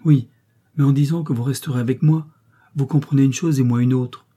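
A man's voice: mid-range voice, fairly even intonation, brisk, mellow, breathy edge, lightly acted. A man voicing a blind, brooding older man who speaks with earnest, emphatic passion. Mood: pleading.

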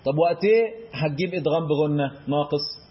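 A man's voice: fairly high pitch, highs cut off. A man with an Egyptian Arabic accent teaching Quran recitation rules, quizzing his listeners and answering his own questions. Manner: chants verse examples in a drawn-out recitation tone. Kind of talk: explanatory lesson.

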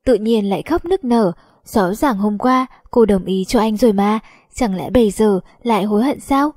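A woman narrating a romance audiobook with a steady storytelling delivery. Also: mid-range voice, normal speed, dry recording, studio quality.

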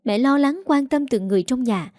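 Woman voicing a defiant young daughter, rapid. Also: high-pitched, lively intonation, a little mellow, dry recording, studio quality, pitched above the performer's own voice. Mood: heated defiant. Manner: quick, heated pleading.

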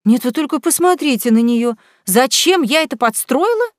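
A woman's voice: sits high, expressive, moderate pace, dry recording, clean studio sound, voice pushed up. Woman doing a sneering, spiteful rich girl. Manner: mocking, sneering, snide sing-song. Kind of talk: audiobook character reading.

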